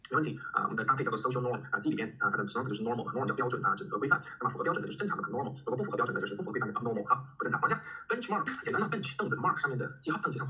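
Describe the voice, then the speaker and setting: A man teaching English vocabulary in a recorded lecture, animated and joking, spelling words out letter by letter. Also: mid-range voice, rough recording.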